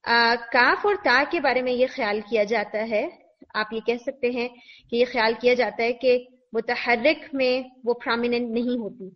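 A woman teacher, giving a recorded pronunciation lesson, patiently demonstrating sounds and repeating examples slowly. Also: a little high, steady tone. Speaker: tajweed teacher. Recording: dull lo-fi recording.

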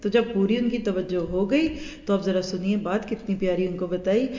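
Woman giving an animated hadith lecture. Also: medium pitch. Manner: animated, acts out everyday dialogue in voices. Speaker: religious teacher. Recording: echoey hall, dull lo-fi sound.

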